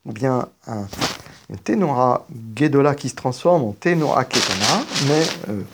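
A man's voice: mid-range voice, animated, measured pace, background noise. A man giving a spoken grammar lesson, explaining each rule step by step and stopping now and then to correct himself. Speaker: teacher of biblical Hebrew grammar.

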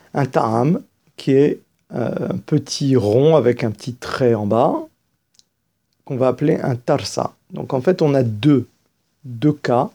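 A man teaches Hebrew scripture reading at an unhurried pace, his voice gravelly and dark. He explains grammar patiently and breaks into slow, stretched-out chanting of the verses. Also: medium pitch. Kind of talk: recorded lesson on Hebrew reading and cantillation.

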